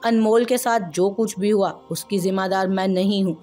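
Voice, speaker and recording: A woman's voice: medium pitch, fairly even intonation, normal speed, mellow, soft background music, lightly acted. A woman doing a tearful pleading young wife. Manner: stammering, pleading.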